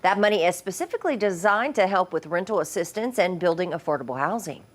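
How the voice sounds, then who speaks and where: A woman's voice: fairly low pitch, lively intonation, quick pace. A woman anchoring a local television newscast, reading scripted stories and handing off to colleagues. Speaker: news anchor.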